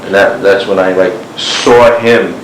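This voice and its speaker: A man's voice: sits low, steady tone, measured pace. A man being interviewed on an old cassette tape, talking in a meandering way full of "you know" and "like". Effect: old cassette tape recording. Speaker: interviewee, former neighbor. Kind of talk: rambling recorded interview. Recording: hissy echoey cassette tape.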